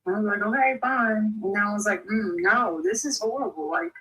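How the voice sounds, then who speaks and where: A woman's voice: mid-range voice, expressive, moderate pace, a bit bright, recorded from a distance, poor audio. A woman in casual chat, speaking emphatically and retelling her own reactions.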